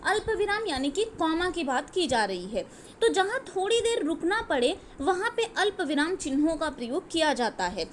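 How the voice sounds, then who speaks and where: A woman's voice: very high-pitched, big pitch swings, moderate pace, slight background noise. A woman teaching a grammar lesson to exam students, explaining step by step and often checking in with "okay". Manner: explanatory, repeats "ठीक है" often.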